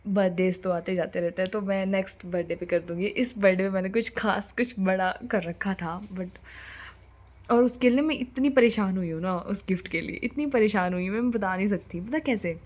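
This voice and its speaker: A woman's voice: medium pitch, normal speed, darkish tone. A young woman chatting casually to camera as a vlogger, mixing English into her talk and sometimes dropping to a near whisper.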